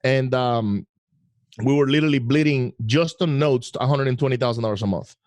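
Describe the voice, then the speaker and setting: A middle-aged man from Venezuela telling his story as a guest, animated and laughing now and then. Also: medium pitch, brisk, no room sound. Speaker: podcast guest. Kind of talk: casual interview storytelling.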